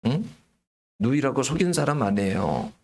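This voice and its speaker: A pastor preaching a Sunday sermon in a church, retelling Bible stories in a conversational way, asking the congregation questions and calling out to them again and again. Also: male voice, mid-range voice, sing-song, moderate pace, darkish tone. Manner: keeps addressing the congregation directly. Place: church sanctuary during Sunday worship.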